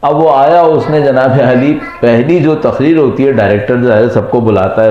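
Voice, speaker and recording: A man, a cleric giving a night sermon and telling parables, acting out the voices of the people in his stories. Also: mid-range voice. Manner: tells parables with acted voices of children and managers. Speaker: Shia cleric. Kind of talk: sermon with storytelling. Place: religious gathering at night. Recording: dull echoey hall.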